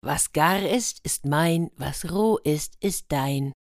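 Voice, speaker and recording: A woman's voice: deep voice, normal speed, no echo, clean studio sound, lightly acted. A woman putting on a sly old devil, mocking and whiny. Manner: mocking, later whining.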